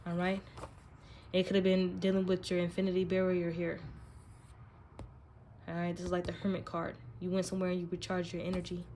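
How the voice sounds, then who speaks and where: This tarot channel host has a fairly low, slightly mellow, monotone voice, talking fairly quickly but with long pauses. Her casual spiritual card reading is directed at the listener in an emphatic, slangy, profane style, with slight background noise.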